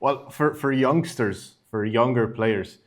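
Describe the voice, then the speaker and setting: A man's voice: mid-range voice, slow. A man hosting a podcast, putting loose, filler-heavy questions to a guest in a casual interview. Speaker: podcast host.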